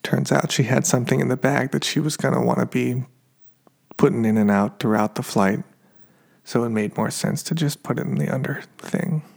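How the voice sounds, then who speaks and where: A man's voice: medium pitch, steady tone, normal speed, creaky. A man with an American accent hosting a podcast in a casual solo chat. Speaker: podcast host.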